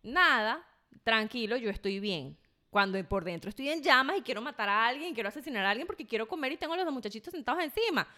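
A woman's voice: high voice, very fast, hardly any pauses. A woman, hosting a casual podcast and acting out the lines she quotes. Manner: animated storytelling, acts out quoted lines. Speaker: podcast host.

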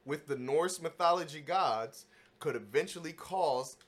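A man's voice: fairly high pitch, a little slow. A man hosting a casual gaming news chat, talking bluntly in slangy, profane bro speak. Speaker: podcast host.

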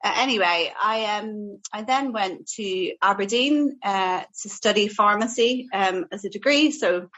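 A woman's voice: medium pitch, unhurried, few pauses, fairly bright tone, poor audio. A woman with a Northern Irish accent telling her own story casually and a little hesitantly as a guest. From Portadown, Northern Ireland. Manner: hesitant, chatty. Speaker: podcast guest.

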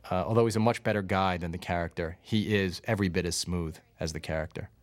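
A man's voice: low-pitched, fairly even intonation, fast talker, no echo. A man giving casual, anecdotal film commentary as a filmmaker, close on the microphone. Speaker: filmmaker and screenwriter.

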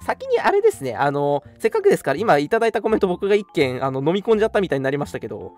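This young man's voice is high and a bit dark, racing along with pitch that swoops all over the place. Sharing hosting duties on a radio program, he banters loosely, laughs often, and occasionally reads listener messages, with music playing underneath.

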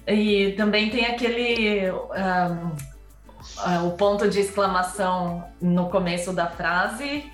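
A woman's voice: mid-range voice, takes it slowly. A woman, co-hosting a casual chat and prompting the others with questions. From São Paulo, Brazil. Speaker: co-host. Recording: roomy echo, light music.

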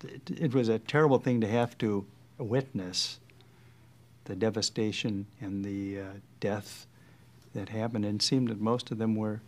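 A man's voice: on the low side, steady tone, unhurried, a little mellow. An elderly man, a war veteran, remembering in an interview with a hesitant, stammering delivery. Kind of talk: documentary interview reminiscence.

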